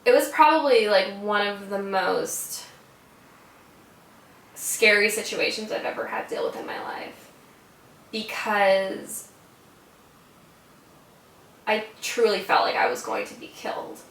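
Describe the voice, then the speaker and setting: A woman's voice: mid-range voice, animated, takes it slowly, pauses often, a bit bright. Young American woman telling a story. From United States. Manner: casual, swears freely, filler "like" throughout. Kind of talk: casual personal storytelling. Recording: roomy sound from a distant mic.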